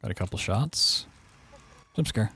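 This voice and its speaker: Casting: male game streamer, informal commentary, gravelly lower register. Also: animated, measured pace, pushed and bright. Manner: informal, thinking aloud. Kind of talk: casual gameplay commentary.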